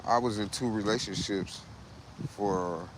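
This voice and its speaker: A man in his late thirties hosts a casual livestream, talking loosely and profanely, repeating himself and saying "bro" often. His voice is on the low side and unhurried, with slight background noise.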